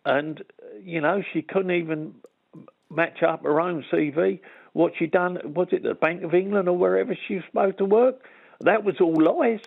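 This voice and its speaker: A man's voice: high-pitched, normal speed, vocal fry. An angry man calling in to a radio talk show over a phone line, talking in an accusing way. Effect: radio show caller on a phone line.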